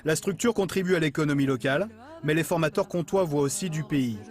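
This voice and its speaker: A man reading a scripted news voice-over at a measured, rhythmic pace. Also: on the high side. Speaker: narrator. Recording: voice-over with music bed.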